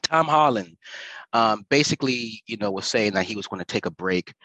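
A man's voice: lowish voice, expressive, moderate pace, bright, forceful tone, dry recording, poor audio. American guy hosting a podcast, casual chat, really dry close recording. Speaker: podcast host.

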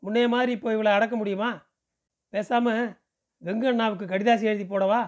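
A man's voice: high voice, fairly even intonation, moderate pace, close to an everyday voice. A man reading as a grieving elderly mother. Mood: lamenting. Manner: anguished inner monologue. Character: distressed elderly Brahmin mother, lamenting. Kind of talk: audiobook reading.

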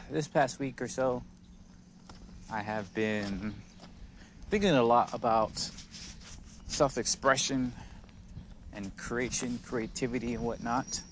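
Faint noise sits behind a man with a fairly low voice. He talks casually and reflectively, like a solo podcast host thinking aloud. His delivery is halting and hesitant, and his r's come out as w's. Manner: says w for r, soft r sounds; hesitant, halting, with frequent chuckles. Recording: noticeable background noise.

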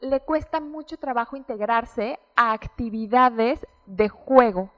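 A high-pitched woman speaks as an expert guest. She explains in a lively, animated way and slips into the voices of the parents she describes. The recording carries a long, roomy reverb. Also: a little slow, lo-fi sound. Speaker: child psychology expert guest. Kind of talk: explanatory interview talk.

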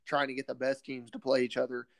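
A man co-hosting a casual sports podcast, emphatic and excited, often calling his partner "man". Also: medium pitch, fast, creaky, no room sound. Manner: excited and opinionated.

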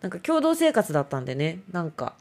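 A woman's voice: fairly low pitch, sing-song, fast, a little mellow. A middle-aged woman hosts a casual solo talk show, rambling and self-mocking.

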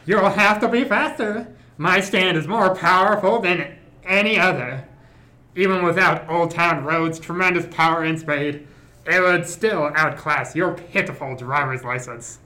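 A man's voice: high voice, measured pace, pushed and bright, poor audio. A man voicing a smug aristocratic male villain in an amateur anime fan dub, pompous and mocking. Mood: gloating.

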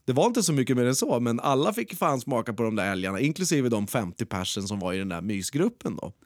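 A man's voice: medium pitch, sing-song, no room sound, studio quality. A man in his forties talking in a casual podcast chat, a rambling storyteller who swears a lot.

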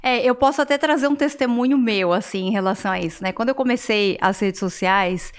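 A Brazilian woman with a high, bright-sounding voice talks at a rapid clip. She tells stories animatedly as a career strategist guest on a podcast. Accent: Brazilian Portuguese. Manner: self-described high voice, animated storytelling. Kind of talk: podcast interview.

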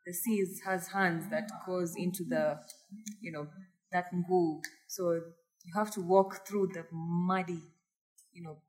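A woman with a Kenyan accent chats informally as a guest. Her voice is a bit lower than most women's, and her delivery is conversational. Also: poor audio. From Mombasa, Kenya. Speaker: enduro rider, guest. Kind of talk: casual conversation.

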